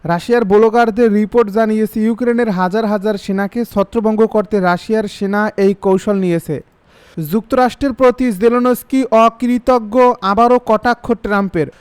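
A man reading international news bulletins in an even, formal scripted manner. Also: sits high, fairly quick, clean tone. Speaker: news reader.

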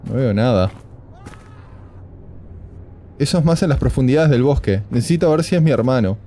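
A man joking and fretting his way through horror game commentary. His voice is mellow and dark at an ordinary pitch. Faint noise sits behind it. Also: animated, normal speed. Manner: joking, nervous and talkative. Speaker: gaming video creator.

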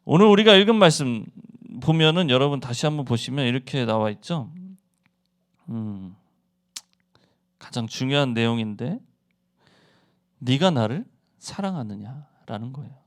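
A man's voice: medium pitch, normal speed, clean tone. A male pastor preaching a sermon who keeps asking the congregation questions and answering them himself.

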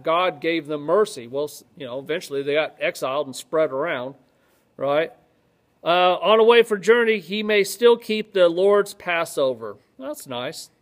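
A man, a pastor teaching from the Bible in a casual, joking way and reading scripture aloud with more emphasis. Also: on the high side. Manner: conversational, joking asides, reads scripture aloud with rising emphasis. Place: office-like room with ceiling lights, indoors.

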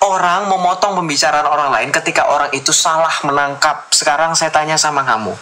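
A man's voice: fairly high pitch, fast talker, bright, forceful tone. A man hosting a heated religious debate, lecturing and mocking his opponent. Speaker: debate host.

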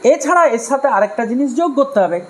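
A man giving a moral lecture on family life to a live audience, in an animated way, asking rhetorical questions and acting out harsh and gentle tones of voice. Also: very high-pitched, quick pace, a little hiss or hum, rough recording. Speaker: spiritual speaker on family life.

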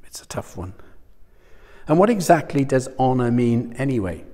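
This church speaker's voice sits at a medium pitch and is a little mellow, with the sound of a large hall. He wears a lapel mic in a small church studio room in front of a screen and gives a conversational sermon, frequently questioning his audience.

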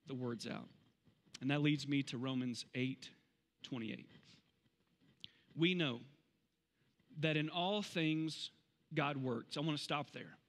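A man in his forties preaching a sermon on a church stage, conversational and emphatic, slowing down to stress key phrases. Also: on the high side, a bit bright. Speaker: pastor. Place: large church stage, indoors. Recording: long reverb of a large hall.

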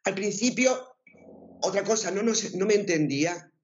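A woman with an accent from Spain, telling her story as an interview guest in a lively way and repeating words for emphasis. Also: medium pitch, moderate pace, highs cut off. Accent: Spain Spanish. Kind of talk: personal testimony in conversation.

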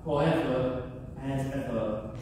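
A male priest leading a service with slow, solemn sung prayers, his voice carrying a cathedral echo. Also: mid-range voice, background noise. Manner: chanting slowly and solemnly. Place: large church. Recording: echoey church hall from far off.

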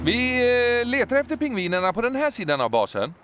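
A man voicing an eager, good-natured adult explorer in a dubbed cartoon, upbeat and excitable. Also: high voice. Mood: chatty. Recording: music bed behind voice.

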